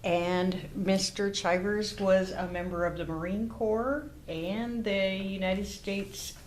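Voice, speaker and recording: A woman's voice: medium pitch, steady tone, slow, slight background noise. A woman conducting an oral history interview in a library, asking polite, encouraging questions. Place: public library room.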